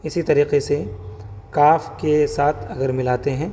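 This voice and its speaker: A man teaching a slow, patient writing lesson, sounding out each letter and repeating words for his viewers. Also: a little high, fairly even intonation, dark tone, in a large hall, a little hiss or hum.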